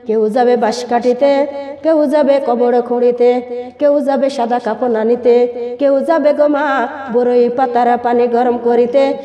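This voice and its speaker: A woman's voice: on the high side, warm tone, roomy sound, long reverb tail. A woman preacher giving a sermon in a sing-song chant, calling out to the women listening.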